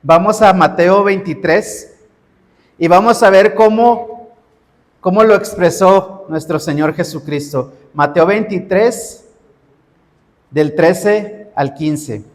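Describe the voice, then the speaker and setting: Male pastor, deliberate emphatic sermon delivery, long hall reverb. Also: sits high. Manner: preaching with rising, emphatic repeated cries.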